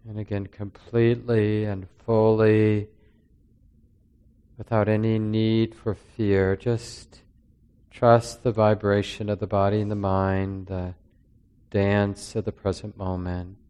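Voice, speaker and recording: A low-voiced man leads a breathing meditation in a steady, nearly flat tone. His voice is smooth and clear, and he lets long pauses fall between his soft, calming instructions. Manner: slow, soft-spoken, calming. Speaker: meditation teacher.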